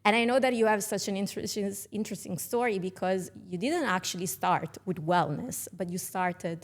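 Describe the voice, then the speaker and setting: A woman at mid pitch hosting a podcast interview. She asks her questions eagerly and in a friendly way, and her phrasing is sometimes a little off. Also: a little fast. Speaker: podcast host. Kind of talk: conversational interview.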